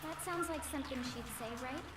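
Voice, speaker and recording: High-pitched theatrical anime game girl voiced by a woman. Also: a little fast, close to an everyday voice. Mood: earnest, resolute. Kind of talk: dubbed anime video game voice acting. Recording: game audio under loud music. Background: loud game music.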